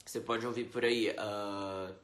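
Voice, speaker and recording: A man's voice: on the low side, fairly even intonation, a bit bright, a little hiss or hum. Brazilian guy, casual English-teacher vlog, chatty, echoey room. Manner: chatty, peppered with fillers; slow, careful English examples. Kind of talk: casual video lesson.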